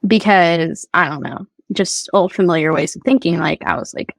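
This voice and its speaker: A woman guest on a podcast, telling her personal faith story in a halting, earnest way with many fillers and restarts. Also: on the low side, gravelly, no echo, low-quality recording.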